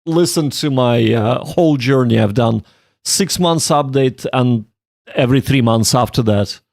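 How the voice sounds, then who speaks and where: An unhurried man with a gravelly, darkish mid-range voice, recorded cleanly in a studio with no echo. He's a streamer learning Japanese, chatting casually on a study livestream and thinking aloud in a rambling, self-reflective way. The talk mixes casual chat with studying and reading from a game.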